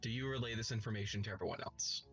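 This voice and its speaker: A man's voice: on the low side, very fast, gravelly, fairly bright tone, breathy edge, faint music behind. A man acting as game master, narrating a tabletop role-playing game to the players.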